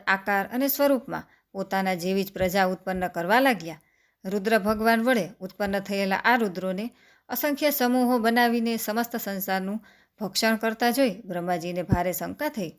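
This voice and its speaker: A woman narrating a devotional scripture text in a steady recitation, slowing down for long lists of names. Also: medium pitch. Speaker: scripture reader.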